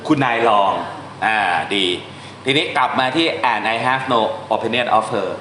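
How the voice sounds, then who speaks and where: A man's voice: mid-range voice, pushed and bright, slight background noise. Chatty male teacher in echoey room. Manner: chatty, explains step by step, reads English lines slowly. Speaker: translation teacher. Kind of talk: informal classroom lesson.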